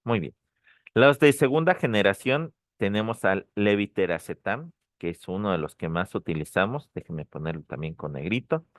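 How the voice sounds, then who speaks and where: A man's voice: on the low side, lively intonation, moderate pace, no echo, clean studio sound. A man giving an online pharmacology lecture, repeating key points and checking in with his students. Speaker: pharmacology teacher. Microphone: dry close mic, online session.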